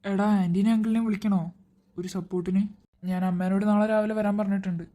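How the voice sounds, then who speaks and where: A woman voicing a young man in a cartoon drama, caring like an older brother, shaken and stammering as he tries to comfort the others. The voice is mellow and dark in tone. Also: mid-range voice, fairly even intonation, quick pace, close to an everyday voice.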